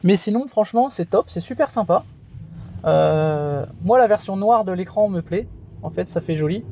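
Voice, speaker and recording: A man's voice: high-pitched, expressive, normal speed, mellow, slight background noise. A man hosting a casual product review vlog from inside his car, chatty and full of fillers. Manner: chatty, many fillers and "hein". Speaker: car video host.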